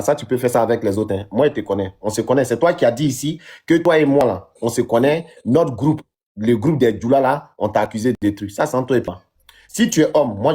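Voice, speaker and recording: A man's voice: mid-range voice, mellow, breathy edge. A man arguing in a heated online debate, confrontational and sarcastic. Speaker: TikTok debater. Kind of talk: heated live-stream argument.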